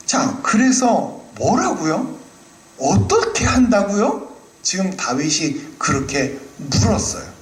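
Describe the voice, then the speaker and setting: A man's voice: high-pitched, very animated, slow, echoey room. A male pastor preaching a sermon in a church, speaking animatedly and asking the congregation questions. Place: church hall.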